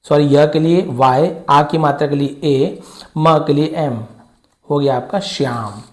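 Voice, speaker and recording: A man's voice: a little high, a little slow, a little mellow. Man teaching with an echoey room sound. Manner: patient and repetitive, voices student questions himself. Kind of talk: classroom-style lesson.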